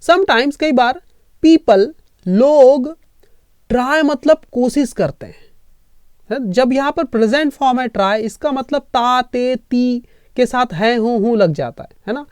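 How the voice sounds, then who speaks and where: A man with a very high, clean voice teaches English through a story, explaining it word by word as part of a reading lesson. He keeps checking in with listeners and slowly spells words out letter by letter. The recording is dry, with clean studio sound.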